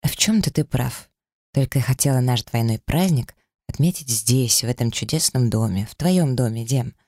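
A man voicing an affectionate young woman who is easily hurt, reading her lines in a raised, soft, pleading tone for an audiobook. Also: on the high side, a little fast, no echo, clean studio sound. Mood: tender.

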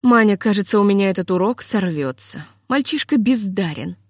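A woman's voice: mid-range voice, lively intonation, normal speed, no room sound, clean studio sound. A woman voicing a weary, self-reproaching middle-aged male composer in a storybook reading.

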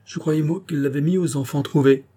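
A man's voice: a little high, steady tone, brisk, dark tone, slightly rough, pitched above the performer's own voice. A man doing a mocking, jovial old priest. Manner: teasing, bantering.

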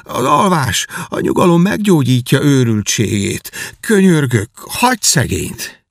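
A man's voice: medium pitch, sing-song, gravelly, no echo, clean studio sound, pitched above the performer's own voice. A man voicing timid poor young sisters who beg their father to spare their brother. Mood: pleading. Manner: begging, soft.

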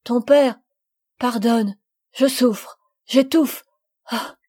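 A woman voicing a dying, remorseful older woman who speaks in broken, halting phrases. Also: medium pitch, steady tone, warm tone, slightly rough. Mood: faltering.

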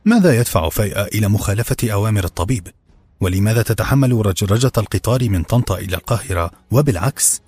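A man's voice: fairly low pitch, expressive, quick pace, darkish tone, slightly rough, faint music behind. Man putting on a fretting old mother. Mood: worried. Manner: anxious, questioning. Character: worried, puzzled old mother.

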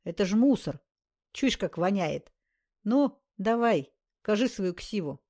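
A woman voicing a loud, boastful male gangster who talks in rough slang. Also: mid-range voice, animated, moderate pace, lightly acted. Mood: boisterous.

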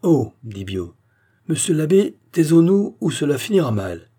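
Man reading as a calm, stubborn village philosopher. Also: a little high, unhurried, breathy edge, pitched above the performer's own voice, heavily acted. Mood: firm. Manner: calm, almost gentle, arguing point by point. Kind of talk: audiobook reading.

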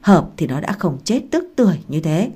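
A woman reading aloud and voicing a blunt, gruff old village woman who scolds loudly and talks coarsely. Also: fairly low pitch, very animated, normal speed. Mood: scolding.

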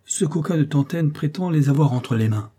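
Male reader voicing a glib, scheming doctor with feigned candor, low dark husky tone. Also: animated, normal speed. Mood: falsely earnest. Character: scheming smooth-talking older male doctor. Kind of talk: audiobook character voice.

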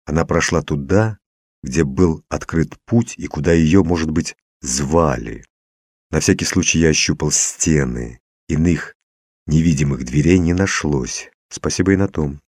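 A man narrates a first-person audiobook with tense, dramatic storytelling. His voice sits extremely low, and the studio sound is dry and close-miked. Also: measured pace, a little mellow, breathy edge, no echo.

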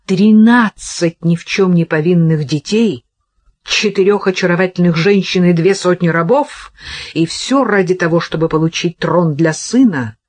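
Reader doing a furious, rasping old sultan. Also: mid-range voice, dry recording, natural voice. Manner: menacing, rasping shouts.

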